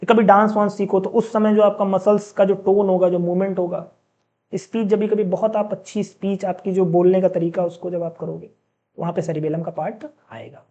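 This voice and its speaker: A man teaching a class in a casual, chatty way, often asking the students questions and slowly reading out English lines. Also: high-pitched, level tone, dark tone. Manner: mixes in read-out English sentences, slowly. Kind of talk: classroom lecture.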